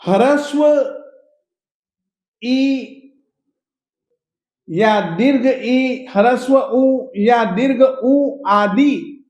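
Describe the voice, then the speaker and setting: High-voiced man teaching slow recitation. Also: a little mellow, roomy sound. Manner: spells out syllables and repeats words slowly; chants the verse in a sing-song voice. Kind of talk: slow pronunciation lesson of a Sanskrit hymn.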